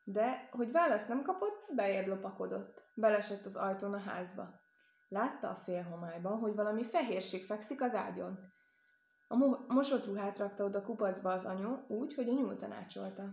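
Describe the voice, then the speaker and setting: A woman reads a children's tale aloud, steady and expressive, her voice mid-pitched. The recording carries a clear room echo. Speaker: reader. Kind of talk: storybook narration.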